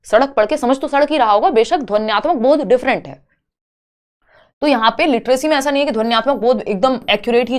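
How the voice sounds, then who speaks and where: A woman teaching an online exam-prep lesson, explaining each option step by step with rhetorical questions and English terms mixed in. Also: fairly high pitch. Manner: mixes English terms into Hindi.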